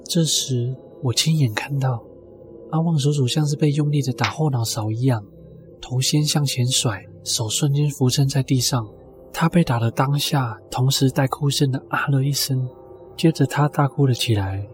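A man tells a scripted ghost story in the first person. His voice is medium in pitch, and music plays behind him as he narrates. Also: moderate pace.

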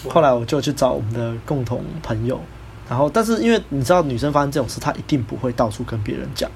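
Fast-talking Taiwanese Mandarin man. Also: mid-range voice, vocal fry, slight background noise. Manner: animated, acts out the people he quotes. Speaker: podcast host. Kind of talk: casual storytelling chat.

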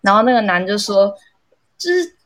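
A woman calls in to a live talk show and tells a friend's story. She chats casually and acts out the quoted lines with lively shifts in her voice. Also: mid-range voice, normal speed. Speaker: caller sharing a story.

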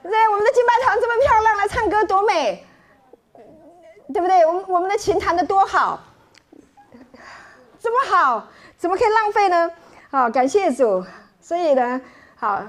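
Middle-aged woman preacher, bright high register, playful and humorous from the pulpit. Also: moderate pace, pauses often. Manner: playful, joking, animated storytelling. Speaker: pastor. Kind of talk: sermon.

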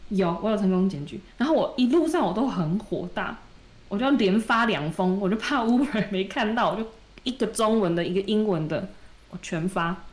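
A woman co-hosting a podcast, retelling a story in a lively, casual way and acting out the quoted dialogue. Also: mid-range voice, normal speed. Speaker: podcast co-host.

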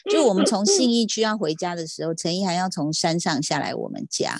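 Woman host, taiwanese mandarin accent, casual storytelling, lowish pitch, dry close sound. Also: a little fast, creaky, no echo. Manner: animated storytelling, quoting others. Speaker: podcast host. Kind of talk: casual chat.

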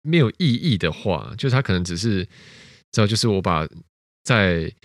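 A man's voice: on the low side, lively intonation, moderate pace, dry recording, studio quality. A man, a podcast co-host chatting casually in a rambling, self-mocking way. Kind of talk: casual chat.

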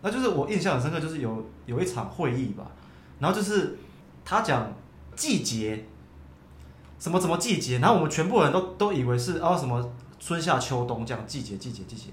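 Fast, animated Taiwanese-accented man. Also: on the high side. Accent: Taiwanese Mandarin. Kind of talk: casual chat, telling anecdotes. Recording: roomy echo, faint background noise.

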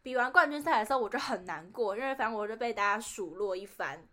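A young woman with a Taiwanese Mandarin accent, co-hosting a podcast and telling stories in an animated way, acting out what people said. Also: fairly high pitch, fast. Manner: animated storyteller who acts out quotes. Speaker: podcast co-host. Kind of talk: casual chat.

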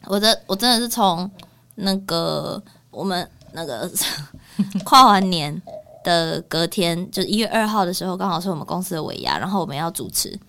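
A woman, hoarse from a cold, telling a rambling story as co-host of a casual chat show in a small studio. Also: lowish voice, lively intonation, normal speed, a bit bright. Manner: rambling storytelling with many fillers. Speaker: podcast co-host.

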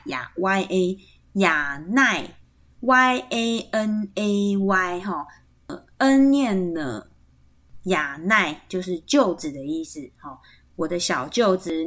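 A woman's voice: on the low side, a bit bright. A woman with a Taiwanese Mandarin accent hosting a podcast language lesson, patiently explaining words and spelling them out letter by letter. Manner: frequent tag particles seeking agreement. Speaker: podcast host teaching Atayal kinship terms.

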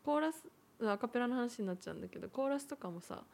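Quick, animated woman in casual chat. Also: a little high, vocal fry. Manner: quick, animated, laughs often, many fillers. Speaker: guest.

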